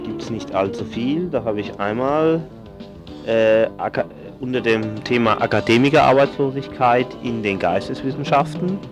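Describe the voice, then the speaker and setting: Soft music plays in the background as a man from southwest Germany casually reads event listings on community radio. His voice is mid-range and his pace moderate, and he stumbles and self-corrects through these informal live announcements.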